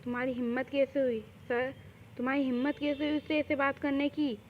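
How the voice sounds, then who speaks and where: Young woman playing a possessive angry young man, shouting, high voice, dull lo-fi recording. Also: level tone, fairly quick, slight background noise, natural voice. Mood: furious. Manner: shouting, scolding.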